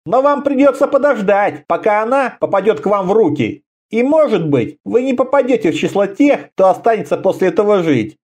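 Man doing a sneering bandit tracker, high and nasty. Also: very animated, fairly quick, hardly any pauses, a little mellow. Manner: sneering, quarrelsome. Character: suspicious grumbling male bandit tracker.

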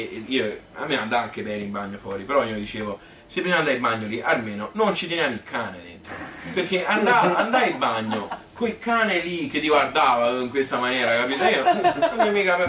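Pitched fairly low, this man performs a nostalgic Tuscan father, born 1951, rambling through childhood memories as a folksy theatre monologue. He reminisces, then turns wistful, staying animated and colloquial while halting and tripping over words in a Tuscan Italian accent. The sound comes from an echoey theatre through a distant mic, with faint background noise.

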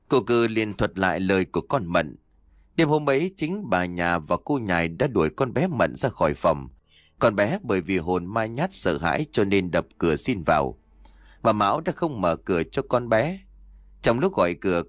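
Brief: male audiobook narrator, deep voice with lively pitch, dry close sound. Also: dry recording. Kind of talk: scripted narration of a ghost story.

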